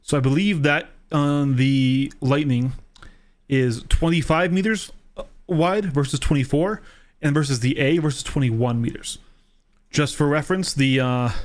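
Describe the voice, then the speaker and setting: A man's voice: medium pitch, unhurried. A man streaming a game, explaining things step by step in a casual way and often checking in with "right?" and "okay?".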